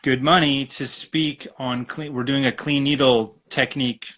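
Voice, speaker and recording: A man from Alberta, Canada, talking as a guest acupuncturist in a relaxed, rambling way over a video call. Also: mid-range voice, measured pace. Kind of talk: casual live-stream interview.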